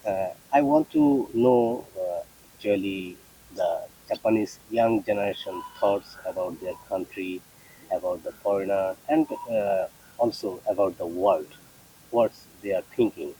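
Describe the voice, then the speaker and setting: A man hosting a video and asking a student questions in halting English full of "uh". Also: sits low, warm tone, slight background noise, low-quality recording. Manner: halting, filler-heavy questions in non-native English. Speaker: interviewer and video host. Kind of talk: casual interview questions.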